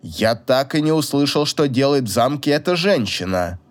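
A man voicing a stern old male mage who speaks slowly, coldly and with contempt in an audiobook. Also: mid-range voice, expressive, natural voice. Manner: slow, cold, disdainful.

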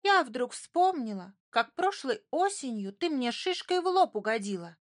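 A woman voicing an excitable young girl fox cub in a children's storybook, with a high, childish, lively voice. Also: normal speed. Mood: bossy, apologetic.

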